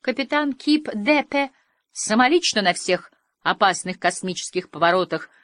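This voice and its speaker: A woman reading playful children's stories aloud, telling them expressively with slow, drawn-out pauses. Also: mid-range voice, animated, fairly bright tone, no echo. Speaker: audiobook reader.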